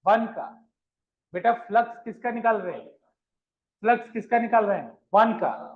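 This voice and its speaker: Guy teaching physics, kinda high voice, keeps asking the class stuff and repeating it, dull lo-fi sound. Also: moderate pace. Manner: asks questions and repeats them, coaxing pupils; addresses students fondly as children. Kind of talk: classroom lecture. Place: classroom with students.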